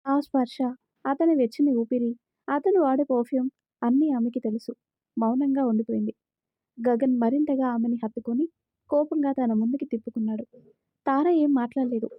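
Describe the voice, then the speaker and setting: A woman narrates a romantic drama story in a steady, even reading voice. Her pitch sits fairly high for a woman. The recording is dry and slightly dull. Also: dry recording.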